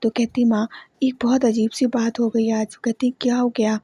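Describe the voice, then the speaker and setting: A woman's voice: on the high side, little pitch movement, normal speed, mellow, slightly rough, dry recording. A young woman hosting her own channel, casually retelling a TV serial episode by quoting each character's lines in turn. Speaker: YouTube channel host recapping TV serial episodes. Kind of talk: casual spoken recap in Hindi.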